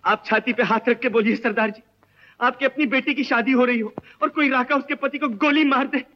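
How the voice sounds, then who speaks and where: An actor playing a desperate young village informant who pleads, swears oaths and speaks emotionally, in an old film melodrama. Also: male voice, very high-pitched, fairly even intonation, normal speed. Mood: accusing. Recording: dull old film soundtrack.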